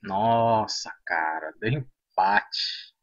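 Excitable gamer, bright voice. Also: male voice, fairly low pitch, drawn-out words, muffled recording. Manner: excitable, talks to himself, chatty asides to viewers. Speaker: gaming channel host. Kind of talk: casual gameplay commentary.

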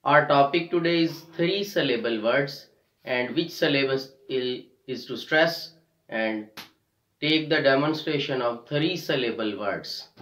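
A fairly high-voiced man teaches an English lesson at a slow, careful pace. He spells out letters and drawls example words, repeating them for emphasis. The sound carries a noticeable echo from the room. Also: a bit bright. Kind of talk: classroom lesson on word stress.

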